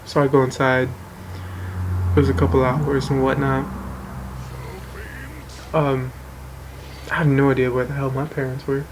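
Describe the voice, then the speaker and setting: Gaming host, male, middle pitch, loose rambling storyteller who swears freely, faint room noise behind. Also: level tone, a little slow, long pauses. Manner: rambling, profane, keeps saying "and whatnot". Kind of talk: casual storytelling over gameplay.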